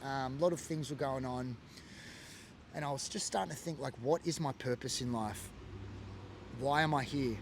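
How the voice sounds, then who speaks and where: This is a personal testimony monologue from a former biker, an Australian man from Sydney, who tells his story earnestly and emotionally with plenty of fillers. His voice is gravelly and medium-pitched at a normal speed, with long pauses against a noisy background.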